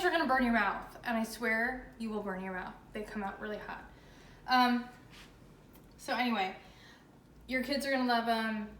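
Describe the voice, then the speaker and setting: An American woman with a fairly high voice hosts a chatty, informal cooking demonstration. She sounds chirpy and enthusiastic. The room is clearly echoey, with faint noise behind her. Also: a bit bright. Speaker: host of a home baking show. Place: indoors, home kitchen.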